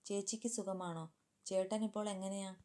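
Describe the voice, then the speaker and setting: A woman's voice: mid-range voice, fairly even intonation, normal speed, mellow, close to an everyday voice. A woman voicing an anxious young newlywed woman, speaking plainly and hesitantly. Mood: subdued.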